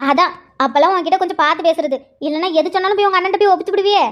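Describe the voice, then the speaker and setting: This is a sly, chattering sister-in-law from a home-made cartoon, put on by a performer. The voice is pushed very high and squeaky and runs along at a quick clip. She teases and gossips like a schemer who has her husband figured out. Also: a bit bright. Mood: gossipy. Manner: chatty, teasing, fast gossip. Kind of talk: Tamil cartoon voice acting.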